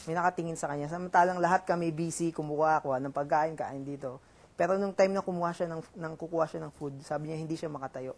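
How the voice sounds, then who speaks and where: A young man with a Filipino accent telling a story in casual chat, halting with many fillers and restarts. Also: on the high side, fairly even intonation. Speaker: reality show housemate.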